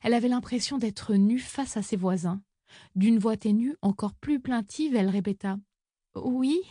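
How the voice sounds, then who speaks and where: A woman narrating an audiobook story in an even, measured reading on a close microphone. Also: mid-range voice, no room sound.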